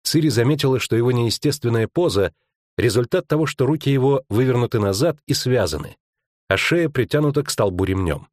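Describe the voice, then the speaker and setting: A man narrating an audiobook in a measured reading voice. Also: mid-range voice, expressive, darkish tone, dry recording. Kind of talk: scripted narration.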